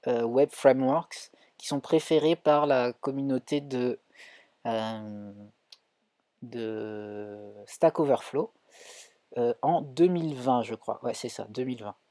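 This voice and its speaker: A man's voice: mid-range voice, slow, warm tone, dry recording. A man with a French accent teaching a live coding tutorial, thinking aloud with many fillers and self-corrections. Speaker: coding instructor streaming.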